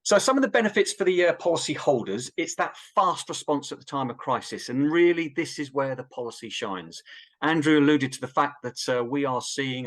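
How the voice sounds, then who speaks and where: A man walks through a product on a business webinar, upbeat and emphatic, now and then slipping in a joke. His voice sits at an everyday middle pitch. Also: a bit bright. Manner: upbeat, emphatic, sometimes jokey. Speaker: insurance relationship director presenting a webinar. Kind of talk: presenting a sales webinar.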